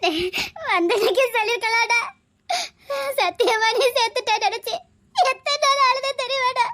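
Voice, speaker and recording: A woman's voice: very high-pitched, fairly even intonation, moderate pace, bright, forceful tone. A woman with a Tirunelveli Tamil accent playing a tearful woman who finds the boy she raised, sobbing and pleading in a web drama. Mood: crying reproach. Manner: sobbing, pleading, half laughing through tears.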